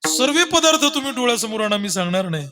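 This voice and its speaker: High-voiced preacher. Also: male voice, fast. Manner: animated, addressing the audience. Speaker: kirtan preacher. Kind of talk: devotional kirtan storytelling.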